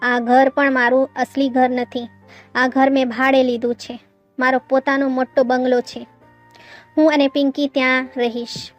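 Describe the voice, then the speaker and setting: A woman reading as a calm young disguised policeman. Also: high voice, measured pace, soft background music. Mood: explaining.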